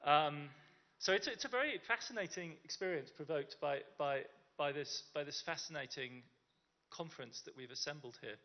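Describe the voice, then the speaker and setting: Speaking English as his first language, a man presents at a conference in Germany in a chatty, self-deprecating style, often restarting his sentences. His voice is a little high and moves at a moderate pace. The sound is dull and lo-fi.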